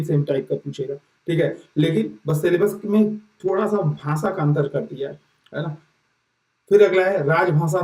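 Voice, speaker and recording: Mellow-voiced male teacher in a roomy echo. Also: a little high. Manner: repeats "ठीक है" as a check-in, many fillers and restarts. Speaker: exam-prep teacher. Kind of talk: casual explanatory lesson. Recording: roomy echo, distant mic.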